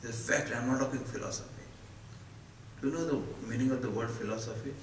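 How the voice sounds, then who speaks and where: A man's voice: medium pitch, fairly even intonation. Indian man teaching in an echoey hall. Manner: emphatic, rhetorical questions with short deliberate answers. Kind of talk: spoken philosophical discourse to students. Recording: echoey hall, distant mic, faint noise.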